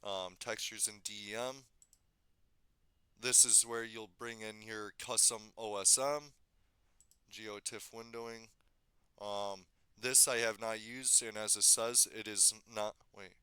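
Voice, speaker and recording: A man giving a casual screen-recorded software tutorial, thinking aloud and correcting himself as he goes, slightly losing his voice. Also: lowish voice, steady tone, takes it slowly, clean tone, dry recording. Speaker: tutorial maker.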